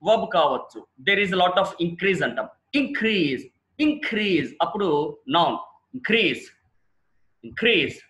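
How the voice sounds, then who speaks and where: A man with a high, slightly bright voice teaches an exam-prep lesson on English word stress in Telugu, and the audio is dull. He says each example word twice, stressing the syllables carefully.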